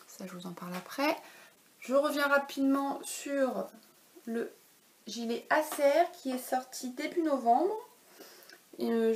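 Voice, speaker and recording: A woman in her thirties speaks in a voice on the high side with a darkish tone. She is a knitwear designer chatting casually at home in daylight about her knitting patterns for a podcast, hesitating and correcting herself often.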